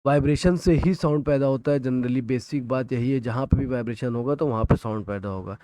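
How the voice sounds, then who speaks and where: A man's voice: medium pitch, mellow, smooth, no echo. Man with an Indian accent teaching physics. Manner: explains in Hindi, reads English definitions slowly. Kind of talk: recorded physics lesson.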